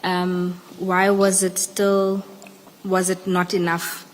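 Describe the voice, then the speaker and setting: Female evidence leader, South African, formal and flat in pitch, echoing room with faint noise. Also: takes it slowly. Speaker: evidence leader questioning a witness. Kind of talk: formal questioning at a commission hearing. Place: large indoor hearing room. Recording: echoey hearing room, background noise.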